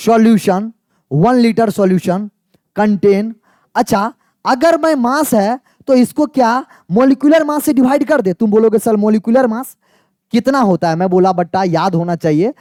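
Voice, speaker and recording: A man's voice: high voice, dark tone, no room sound, clean studio sound. A man teaching chemistry in a chatty, teasing exam-prep lecture, often asking his students yes or no. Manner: playful, teasing, asks students yes or no again and again.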